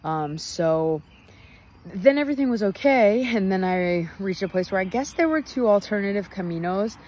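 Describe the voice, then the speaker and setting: A woman's voice: medium pitch, lively intonation, moderate pace, darkish tone, slight background noise. A young woman recapping her day in a chatty, rambling way, often laughing, recorded on her phone outdoors. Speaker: travel vlogger. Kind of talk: casual recap vlog. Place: outdoors near a highway.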